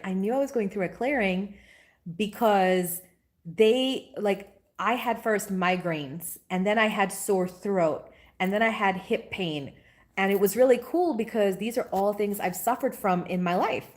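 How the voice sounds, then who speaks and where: A woman, a spiritual teacher in a casual live-stream chat. She talks in a chatty, animated way and greets viewers by name. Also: mid-range voice, moderate pace. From Guyana. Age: 40s.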